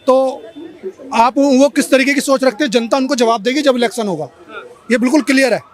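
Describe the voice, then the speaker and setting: A man's voice: very high-pitched, fairly quick. A man in a street debate giving blunt, mocking opinions. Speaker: street interviewee. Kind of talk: heated political argument.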